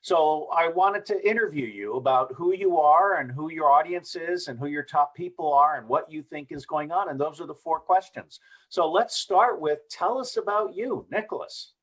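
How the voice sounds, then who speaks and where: A man's voice: on the high side, moderate pace, few pauses, fairly bright tone. Direct older male interviewer. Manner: direct, steering the talk. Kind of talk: casual interview questions.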